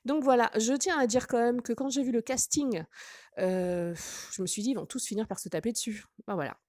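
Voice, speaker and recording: High-voiced sarcastic woman, dry close sound. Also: a little fast, darkish tone, dry recording. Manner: sarcastic, teasing asides. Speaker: gossip channel host. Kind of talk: casual celebrity gossip commentary.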